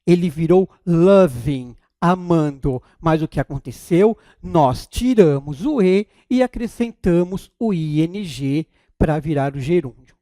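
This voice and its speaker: A man's voice: on the high side, mellow, dry recording, studio quality. A man with a Brazilian Portuguese accent teaching English grammar in a video lesson, explaining step by step and often checking in with the viewer. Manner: slow, deliberate explaining, checks in with "tá?" and "ok?".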